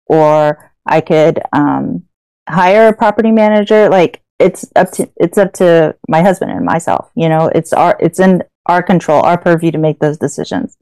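Mellow, smooth-voiced woman podcast co-host. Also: low-pitched, dry recording, low-quality recording. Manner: chatty, with frequent fillers and restarts. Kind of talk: casual podcast conversation.

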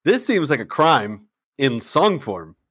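A man's voice: a little high, very animated, takes it slowly, fairly bright tone, husky. A man co-hosting a comedy podcast, tossing in wisecracks and laughing reactions. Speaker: podcast co-host. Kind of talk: casual chat.

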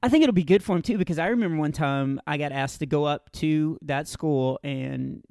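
A middle-aged man hosting a comedy podcast, telling stories in a lively, teasing way and laughing often. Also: on the high side, brisk, creaky, no echo, clean studio sound. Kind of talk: casual comedic banter.

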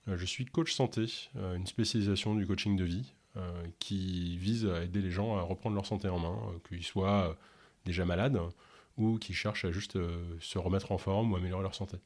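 A man from Ontario who speaks French with no accent, answering interview questions in a halting way with many fillers. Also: deep voice, steady tone, a little mellow. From Canada, Ontario. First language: English. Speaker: podcast host and health coach.

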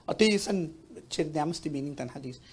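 A man speaking at a youth talk, emphatic and animated, often repeating words to drive a point home. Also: a little high, husky. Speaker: panel speaker.

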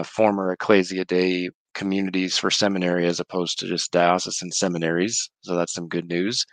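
A man with a low, fairly bright voice hosts a live-streamed religious news roundup, sounding slightly off from a cold. He speaks in a measured, earnest way, and the recording is dry with very little room sound.

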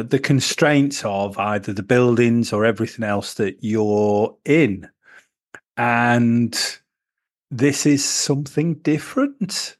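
A man with a Yorkshire accent co-hosting a casual podcast, rambling and joking with many pauses. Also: mid-range voice, dry recording. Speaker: podcast co-host. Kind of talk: casual chat.

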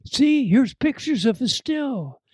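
A man voicing a frantic, gold-crazed male prospector who exclaims in excited bursts. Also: very high-pitched, takes it slowly, husky, no echo, clean studio sound, voice pushed up, heavily acted.

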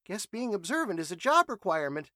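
Man voicing an excitable young man, eager, high-pitched, storybook. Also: quick pace, no room sound, clean studio sound, exaggerated voice. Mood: admiring.

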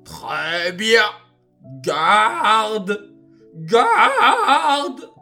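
A man's voice: extremely high pitch, wildly swooping pitch, slow pace, soft background music, voice pushed up, exaggerated voice. A man voicing a boastful, drunken, hot-tempered king who bellows his orders, in a children's storybook reading. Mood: bellowing. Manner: bellowing and shouting.

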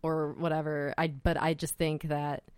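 A woman's voice: deep voice, level tone, moderate pace, clear, resonant tone, no echo. A young woman co-hosting a podcast in casual chat, skeptical, wry and blunt, with casual swearing. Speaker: podcast co-host.

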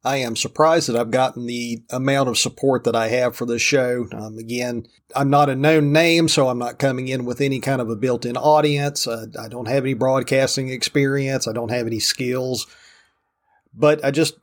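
A man with a Southern US hillbilly drawl hosting a podcast solo, talking casually in a folksy, self-deprecating way. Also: mid-range voice. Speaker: podcast host. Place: room in a rented house.

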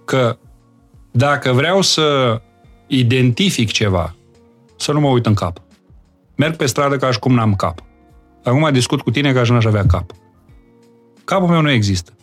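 A man speaks as an interview guest, calm and earnest, walking through his ideas with plain everyday examples. His voice sits at a middle pitch. A faint bed of music runs beneath him. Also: long pauses. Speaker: interview guest, disciple of spiritual masters. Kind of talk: reflective conversational interview.

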